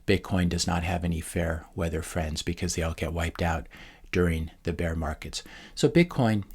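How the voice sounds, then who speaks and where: Deep husky man explaining steadily. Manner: steady, explanatory, with occasional fillers. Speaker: channel host and teacher. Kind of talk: educational monologue.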